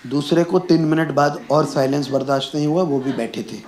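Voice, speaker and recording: Middle-aged male stand-up, higher voice, animated storyteller with loud mimicry, echoey room with noise behind. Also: brisk. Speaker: stand-up comedian. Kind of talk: stand-up comedy set. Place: comedy venue with live audience.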